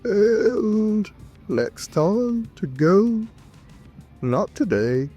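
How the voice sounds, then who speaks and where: A trucker vlogger, sick with a cough and congestion, speaks to viewers in a casual, folksy manner with a nasal, stuffed-up sound. His voice is high-pitched and very animated yet very slow, dark in tone with a breathy edge, and the dull audio carries soft background music.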